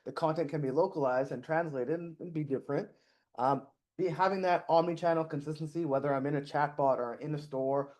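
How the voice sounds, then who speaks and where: This middle-aged conference speaker has a slightly high, darkish voice. He addresses an audience from the stage in a relaxed, self-mocking manner, full of fillers and false starts.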